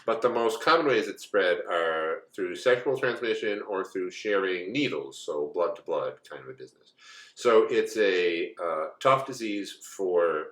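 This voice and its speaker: A man's voice: deep voice, lively intonation, unhurried, fairly bright tone. A man in his forties from the United States, telling a personal story in a rambling, casual way with many asides. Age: 40s. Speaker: co-host. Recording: echoey room.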